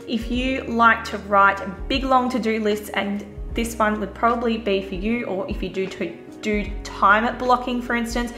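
Chatty woman, roomy sound. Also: mid-range voice. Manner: chatty, relaxed, filler-heavy. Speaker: vlogger. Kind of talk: casual shop-with-me voice-over. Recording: roomy voice-over with faint music.

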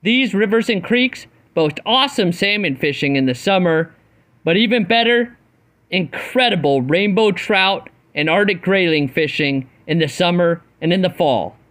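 A man's voice: sits high, animated, moderate pace, fairly bright tone. Upbeat man narrating a voice-over. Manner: upbeat, recommending. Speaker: fishing vlogger.

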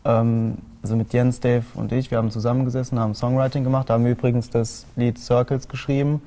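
A man's voice: medium pitch, level tone, fairly quick, warm tone. A man in his twenties from Saarland, a band member explaining at length in a TV studio interview, with many fillers. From Saarland, Germany. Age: 20s. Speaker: band guitarist. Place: small TV studio with colored lights.

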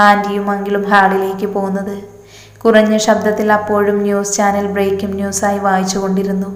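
A woman narrating a romance story in a steady, measured reading. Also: medium pitch. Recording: echoey room with long reverb.

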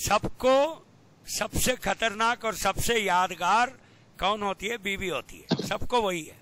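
A man's voice: racing, fairly bright tone. A man with an Indian accent giving an informal online lecture in English and Hindi, prodding his listeners with questions and repeating key phrases. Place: indoors, on a video call. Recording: rumbly background noise on online call.

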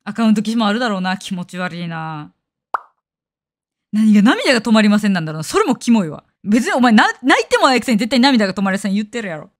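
A woman's voice: medium pitch, quick pace. Scornful woman ranting in Kansai dialect. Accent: Kansai Japanese. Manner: blunt, scornful, animated rants. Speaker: streamer. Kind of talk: casual stream chat.

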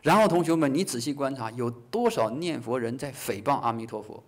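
A man teaching a Buddhist class in a lively way, acting out short dialogues, chuckling, and slowing down on key phrases. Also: medium pitch. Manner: slows down to stress key phrases. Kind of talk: dharma lecture.

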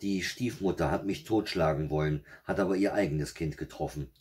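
A man voicing a frightened young girl from a fairy tale, speaking urgently with a husky voice. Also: sits low, moderate pace, a little mellow.

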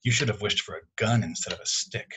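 A man's voice: fairly low pitch, fast talker, bright, forceful tone, slightly rough, exaggerated voice. A man reading as a wry teenage daughter. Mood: shaken. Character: teenage daughter, college-bound, wry and quick.

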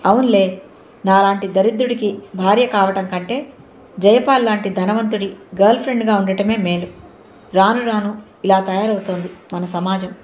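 A woman's voice: medium pitch, fairly even intonation, normal speed, a little mellow, a little hiss or hum, lightly acted. Wounded young man, sarcastic and blunt, read by a woman narrator; echoey room. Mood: bitter. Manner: sarcastic, warning tone. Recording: roomy echo.

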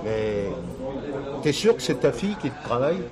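A man's voice: medium pitch, big pitch swings, normal speed, lightly acted. An actor playing a friendly, earnest factory union man chatting with a workmate, in 1970s TV drama style. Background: bar crowd chatter.

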